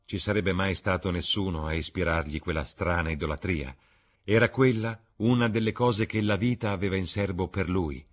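A man reading a classic novel aloud as an audiobook in a measured, expressive way. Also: deep voice. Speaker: narrator.

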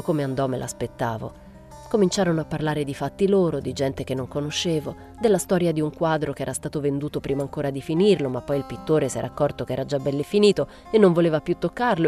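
A woman reading a novel aloud in a measured, plain literary way. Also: deep voice, mellow. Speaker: reader.

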